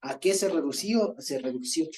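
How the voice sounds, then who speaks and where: Mellow-voiced man teaching Bible study. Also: fairly high pitch, lively intonation, moderate pace. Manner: keeps checking in with the group, reads passages aloud; chuckles while explaining.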